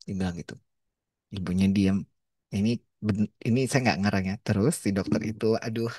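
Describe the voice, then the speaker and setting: A man's voice: on the low side, fairly even intonation, normal speed, warm tone, no echo, clean studio sound. A man giving a conversational lecture on medical ethics, telling anecdotes and acting out quotes. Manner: chatty, storytelling, acts out quotes.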